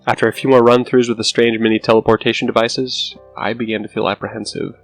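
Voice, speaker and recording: Man narrating horror in a low, haunting, creaky voice. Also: flat delivery, fast. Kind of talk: scripted scary story narration. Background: music under the voice.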